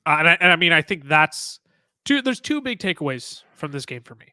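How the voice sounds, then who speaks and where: A man co-hosting a sports podcast, talking excitedly in casual chat with many restarts. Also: a little high, a little fast, dry recording. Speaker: podcast co-host.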